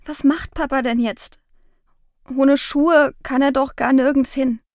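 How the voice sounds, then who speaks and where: A woman reading an audiobook, voicing an upset young girl who pleads in a high, tearful voice. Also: normal speed, no echo, studio quality, natural voice. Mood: pleading.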